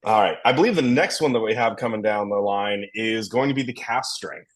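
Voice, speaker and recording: Rambling man, low voice. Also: a little fast. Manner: rambling, enthusiastic, lots of fillers. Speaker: distillery blender presenting a tasting. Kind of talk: casual tasting talk.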